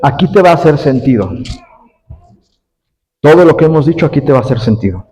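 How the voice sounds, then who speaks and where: A man delivers a fiery sermon in a fairly high voice. He swings from loud, pressing exhortation down to hushed, low storytelling, and keeps firing rhetorical questions at his listeners. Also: lively intonation, brisk, long reverb tail, a little hiss or hum, low-quality recording. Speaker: pastor.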